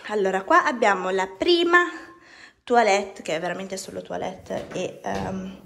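A woman's voice: medium pitch, measured pace, gravelly, a bit bright, slight background noise. A young woman giving a casual home tour, chatting with fillers as she walks through her apartment, filming on a handheld phone. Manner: walking while filming. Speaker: vlogger. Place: apartment rooms indoors. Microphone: phone held at arm's length.

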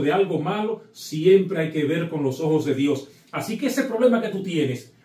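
A man's voice: a little high, a little mellow. A middle-aged man, a priest, preaching with encouragement and then solemnly reciting the prayers of the Mass. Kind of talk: sermon and Mass liturgy. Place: small chapel set with altar, indoors. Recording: echoey room, voice from far off.

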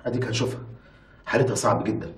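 A man's voice: mid-range voice, rapid-fire, background noise, natural voice. An actor with an Egyptian accent playing a worried husband who soothes his distraught wife. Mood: anxious soothing. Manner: soothing, anxious. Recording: roomy, off-mic with music.

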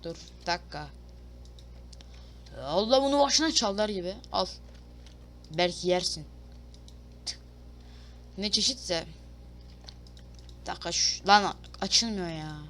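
A woman's voice: on the low side, lively intonation, unhurried, pauses often, a bit bright, a little hiss or hum. A woman giving casual let's-play commentary, talking to herself and her viewers, reading game prompts aloud and swearing playfully. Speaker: gaming YouTuber.

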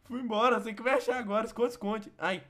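Excitable high-voiced Brazilian young man. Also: fast. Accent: Brazilian Portuguese. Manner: excitable, shrieking laughter, playful teasing. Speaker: gaming video host. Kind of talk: playful game commentary.

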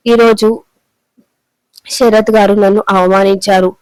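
A woman's voice: medium pitch, steady tone, measured pace, darkish tone, clear, resonant tone, no room sound, close to an everyday voice, rough recording. A woman voicing a pleading old clerk. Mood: hurt. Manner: pleading, defensive.

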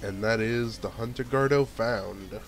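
Speaking unhurriedly in a mid-range voice, a stuffy-nosed man gives casual commentary on the video game he's playing. The game's background music runs under him while he thinks aloud about what comes next.

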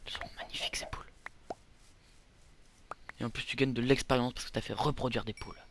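A man's voice: medium pitch, fairly even intonation, brisk, gravelly, in a whisper. A young man giving casual, rambling commentary over a video game, joking at his own expense. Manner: rambling, self-mocking, jokey asides. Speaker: gameplay commentator. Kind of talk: casual let's play commentary.

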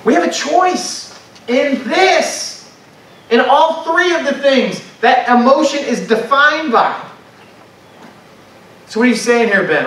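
A man's voice: very high-pitched, a bit bright. A man preaching a sermon to a congregation, talking in a conversational way and asking the room questions. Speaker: pastor. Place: church sanctuary. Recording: echoey church sound from a distant mic.

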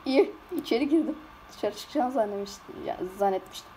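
A woman commenting on a game in casual chat, excitable and slangy, often yelping and shouting. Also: on the high side, brisk, a little hiss or hum. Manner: slangy, keeps saying "lan". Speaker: gamer.

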